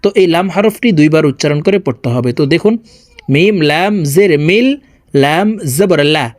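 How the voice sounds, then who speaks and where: A man teaching Quran reading, spelling verses out letter by letter and chanting them slowly. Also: fairly high pitch, no echo. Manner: slow, drawn-out syllable-by-syllable spelling with melodic recitation.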